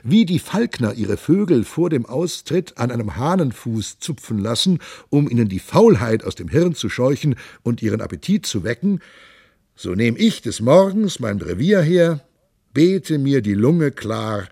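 A man voicing a jovial, hard-drinking monk in an audiobook, loud and hearty with a raised voice. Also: very animated, measured pace, creaky, breathy edge, dry recording, clean studio sound, full character voice. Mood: boisterous. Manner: loud, hearty, high-pitched boisterous delivery. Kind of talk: audiobook character voice.

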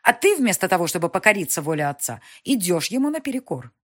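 A woman voicing a domineering aristocratic countess who scolds her grown son, in a husky, high-strung, overbearing voice, as in a period audiobook. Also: big pitch swings, quick pace. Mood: scolding. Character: imperious aristocratic middle-aged countess mother.

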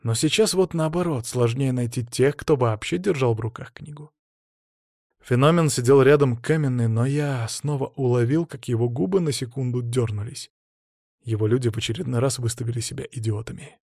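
A man narrating a story in the first person with an even, ironic tone. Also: medium pitch, fairly quick, dry recording, studio quality. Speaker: audiobook narrator.

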